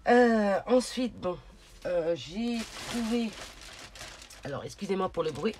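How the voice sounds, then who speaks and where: A woman's voice: mid-range voice, animated, slow. A woman showing her craft shopping haul in a casual video, often stopping with hesitations to search for words. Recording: noticeable background noise, crinkling. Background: rustling and crinkling of packaging.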